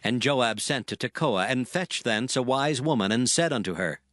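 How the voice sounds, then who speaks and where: A man's voice: medium pitch, animated, moderate pace, fairly bright tone, no echo, clean studio sound. A man narrating scripture from a script in a solemn, formal manner.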